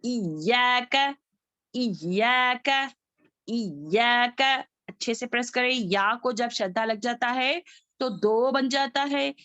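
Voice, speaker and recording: A woman teaching an online tajweed class, repeating each word slowly and then explaining quickly. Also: on the high side, fairly even intonation, fairly bright tone, no echo. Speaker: Quran recitation teacher. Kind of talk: online tajweed class, correcting and modelling recitation. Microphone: video call. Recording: dull, lo-fi video call audio.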